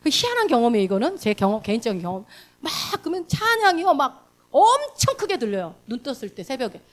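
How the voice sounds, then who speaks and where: A woman pastor preaching a sermon in a casual, direct way, asking the congregation questions and swinging from loud emphatic bursts to hushed soft asides. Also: high voice, wildly swooping pitch, quick pace. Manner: laughs during delivery. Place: church sanctuary.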